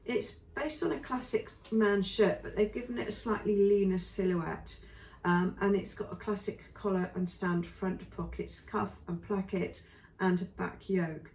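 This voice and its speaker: A woman reviewing sewing patterns in a chatty, casual way with lots of ums, her voice going hoarse. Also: mid-range voice, a little slow, darkish tone, reverberant, distant mic. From England. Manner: chatty, many ums and trailing lists. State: losing her voice. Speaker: sewing vlogger.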